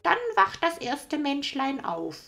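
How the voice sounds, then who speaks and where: Woman doing storybook rooster, very high, loud, stretched-out calls, proud. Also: sing-song, faint music behind, full character voice. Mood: crowing. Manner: loud, drawn-out calling down. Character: proud golden rooster on a church tower, male.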